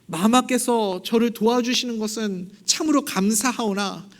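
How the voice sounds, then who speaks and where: A man voicing a wronged, pregnant young maidservant who pleads loudly in old courtly speech. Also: very high-pitched, normal speed, in a large hall, pitched above the performer's own voice. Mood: humble.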